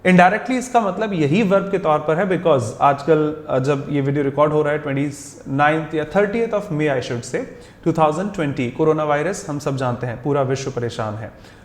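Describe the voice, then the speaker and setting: A man's voice: fairly high pitch, moderate pace, reverberant. A young Indian man with an Indian accent teaching English vocabulary in a video lesson, explaining patiently and spelling words out letter by letter.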